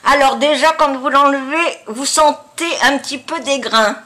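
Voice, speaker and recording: A woman chatting casually to viewers in a product review, with a congested, honking nasal voice and a halting delivery as she searches for words. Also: high-pitched, pushed and bright. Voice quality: nasal, honking, duck-like voice from blocked sinuses. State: congested with sinusitis. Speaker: beauty vlogger.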